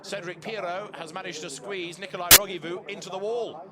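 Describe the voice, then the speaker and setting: A man's voice: high voice, fairly even intonation, a little fast, a loud crowd. A man giving live motorsport commentary, describing the action in flowing, vivid phrases as a race commentator. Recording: loud engine and outdoor track noise. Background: racing cars and trackside ambience.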